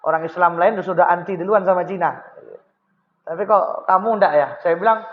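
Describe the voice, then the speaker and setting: High-voiced preacher in a hall. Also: male voice, normal speed, phone-quality sound. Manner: chatty, animated, addresses listeners directly. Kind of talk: sermon with storytelling. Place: mosque hall.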